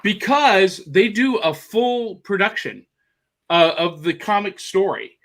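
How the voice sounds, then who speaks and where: Showing off his finds, an enthusiastic co-host rambles through a casual chat held over video call. He speaks slowly in a high-pitched, expressive voice with a fairly bright tone.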